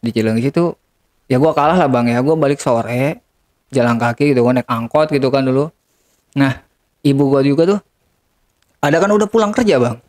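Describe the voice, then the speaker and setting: Appearing as an interview guest, a man tells a regretful confessional story, repeatedly addressing the host as "Bang." His medium-pitched voice has a darkish tone, and he speaks at a moderate pace with frequent pauses.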